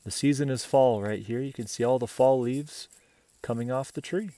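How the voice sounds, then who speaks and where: With a mid-range voice, a man narrates a picture book for children in a lively storytelling manner. He pauses occasionally to make casual asides and ask the listener questions.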